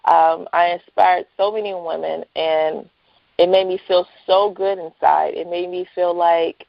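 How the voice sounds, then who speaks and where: Speaking unhurriedly in a fairly low, steady, creaky voice, a woman talks casually as a guest on a phone interview. She is a writer and entrepreneur. The call comes through a dull lo-fi line, and the recording is dry.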